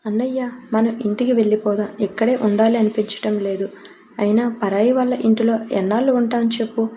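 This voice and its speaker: A woman voicing a proud, bitter young woman who talks in a sharp, scolding way. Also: fairly high pitch, fairly even intonation, a little fast, a little hiss or hum, natural voice. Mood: weary.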